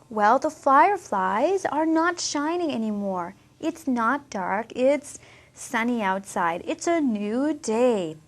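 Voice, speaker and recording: A woman teaching an English storybook lesson to children, talking expressively and asking her listeners questions. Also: on the high side.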